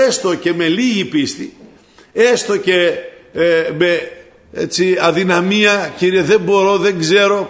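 Fervent preaching man. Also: a little high. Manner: fervent, rises to loud cries when quoting; addresses listeners as brothers. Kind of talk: sermon.

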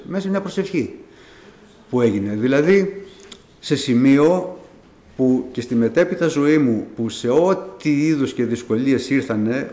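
A church member testifies about his faith before the congregation: a middle-aged man with a medium-pitched, slightly mellow voice who narrates conversationally and reenacts the dialogue he remembers. The space sounds echoey.

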